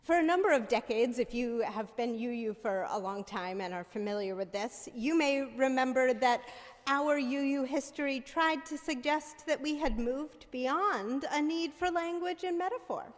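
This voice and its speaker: In a church sanctuary, a female minister with a high voice delivers her sermon through a pulpit microphone. She keeps a measured, conversational pace and repeatedly asks the congregation "right?", all washed in the long reverb of the hall.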